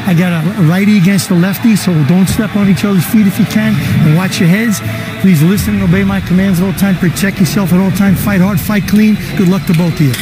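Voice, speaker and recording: A male referee gives pre-fight instructions in a boxing ring. His voice is high and his delivery curt and commanding, with music clearly audible behind. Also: steady tone, a little fast, rough recording.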